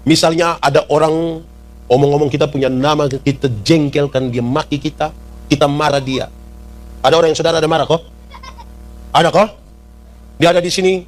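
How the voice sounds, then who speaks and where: A male pastor from East Nusa Tenggara, preaching to his congregation, putting questions to them and acting out voices in dialect. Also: a little high. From East Nusa Tenggara, Indonesia. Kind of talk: sermon. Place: church.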